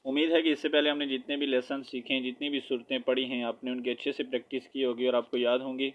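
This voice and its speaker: A man with a Pakistani Urdu accent teaching Quran recitation online, patiently spelling out syllables and reciting slowly with frequent "theek hai". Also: medium pitch, little pitch movement, dull audio.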